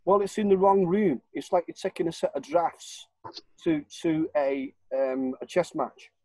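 A guest on a home video call, this older man from Warrington in northern England talks into a webcam in his living room. His voice is fairly high in pitch with a dark tone and a measured pace, and he insists on his points emphatically, repeating them. There's no room sound, and the recording is low in quality.

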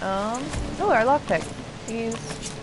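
A young woman with a highish, animated voice takes her time while streaming casual live commentary on a game. She's crude, teasing, and sarcastic, and the game's sound plays noisily behind her.

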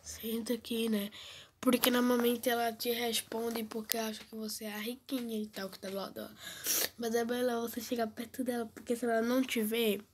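A teenage girl, who has a cold and talks softly and low, close to a whisper, in casual gameplay commentary. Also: flat delivery, a little fast, background noise. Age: teens. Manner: speaks softly and low, often near a whisper. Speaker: gamer vlogger.

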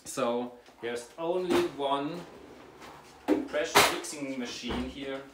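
A medium-pitched man gives a guided walking tour of the treatment and sterilization room at his dental clinic. He is a dentist who talks slowly and haltingly, with many fillers and restarts. The recording comes from a camera mic a few steps off, sounding roomy and distant with clear background noise.

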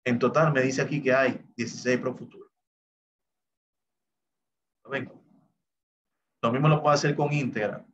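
A man's voice: mid-range voice, steady tone, moderate pace, pauses often, muffled recording, a little hiss or hum. A man teaching a recorded spreadsheet class, explaining each step and often saying "bien" and "entonces" as he moves on. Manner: talks through each step of what the software does. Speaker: Excel instructor. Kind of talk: recorded screen-share lesson.

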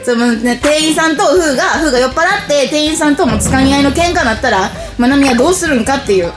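A woman's voice: sits high, animated, fast talker. A woman with a Kansai Japanese accent explaining a prank casually as the video's host. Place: small bar lounge. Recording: echoey room, loud music, chattering voices.

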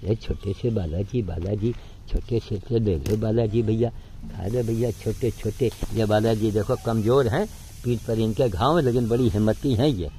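A man's voice: on the low side, normal speed, dark tone. Older guy outdoors feeding animals, coaxing them, bossing a helper now and then, faint noise around. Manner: coaxing, talks to the animals, gives chores between remarks. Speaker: man feeding monkeys and directing a helper. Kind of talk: casual outdoor narration.

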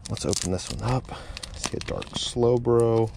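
Wearing a head-mounted action camera, a man vlogs his way through a storage unit, excitedly unboxing finds and exclaiming again and again in amazement. His mid-range voice is a little slow and a little mellow, over a faint hiss or hum.

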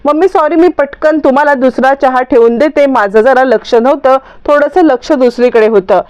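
A tearful, pleading young wife, voiced by a woman narrator. Her voice is high and clear. She begs to be believed. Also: moderate pace, highs cut off, close to an everyday voice.

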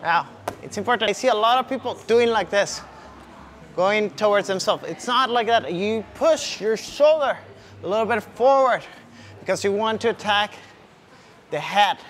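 Demonstrating punches in a large indoor MMA gym, a young man coaching kickboxing speaks in short, step-by-step cues. His high voice is expressive and a bit bright, delivered at normal speed over clearly audible background ambience.

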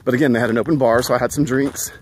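A man's voice: medium pitch, fairly even intonation, racing, slight background noise. A middle-aged man in a casual walking vlog, chatty and earnest, a little out of breath, filling his talk with "you know". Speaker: vlogger. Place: outdoors at a school.

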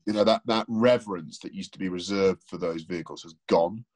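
A man's voice: sits low, fairly quick, a little mellow. A man, a car presenter, giving opinionated, thoughtful answers in a casual interview over a remote call, with frequent restarts. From England.

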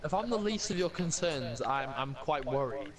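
Gamer guy, animated pitch, sarcastic, loud crowd noise behind the chat. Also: moderate pace. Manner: sarcastic, laughs a lot. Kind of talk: bantering game chat.

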